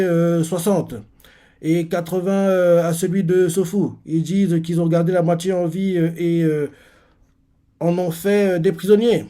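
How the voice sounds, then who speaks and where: A man's voice: high voice, warm tone, pitched above the performer's own voice. A man voicing a male soldier delivering a battle report in a manga, in a raised, formal reporting tone with fillers.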